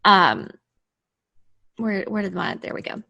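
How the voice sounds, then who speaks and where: An American woman who works as a trademark lawyer chats casually over a video call, explaining things via screen share and often restarting her phrases. Her medium-pitched voice is sing-song and slow, with vocal fry and a sharp tone, and the highs are cut off.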